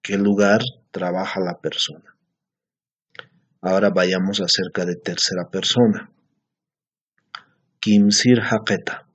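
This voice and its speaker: A man's voice: sits low, fairly even intonation, slow pace, pauses often, breathy edge. A man teaching an Aymara class, explaining patiently and checking in with his students often. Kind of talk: recorded language lesson. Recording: dull lo-fi recording.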